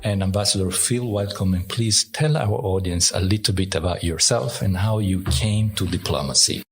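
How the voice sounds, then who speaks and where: A man hosting a podcast interview, asking courteous, measured questions of his guest. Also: sits low, soft background music. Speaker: interviewer, library director.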